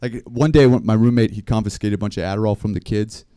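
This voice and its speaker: A man doing a stand-up comedy set, telling rambling stories in a deadpan way. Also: lowish voice, fast, smooth, no echo. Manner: deadpan, rambling storytelling with small laughs. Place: live comedy stream venue.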